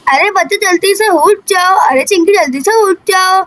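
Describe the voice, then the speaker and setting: A woman doing an excited mother doll. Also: very high voice, normal speed.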